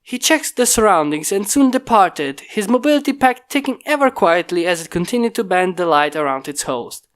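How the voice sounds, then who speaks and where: An amateur fanfiction reader narrates a chapter at an even, normal-speed storytelling pace in a voice neither high nor low. The failing home microphone lets through occasional pops.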